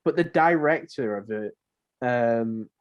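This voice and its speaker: Talking slowly and expressively about films and games, the podcast co-host weighs in with his own opinions in a relaxed, informal chat. His medium-pitched voice has a clean tone, though the recording is muffled.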